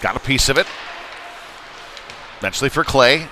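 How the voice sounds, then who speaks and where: Animated and at a moderate pace, a man with a mid-range voice narrates a youth hockey game live. His play-by-play is folksy and conversational with analytical asides, set against noisy rink ambience.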